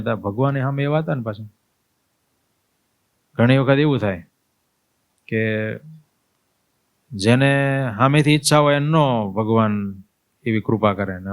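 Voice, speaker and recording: A swami giving a sermon. He tells a devotional story in a lively way, acts out its people's voices, and turns to his listeners with questions such as "understood?". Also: mid-range voice. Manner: storytelling, acts out the old woman's cries and dialogue; asks listeners rhetorical questions. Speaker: swami giving a religious discourse.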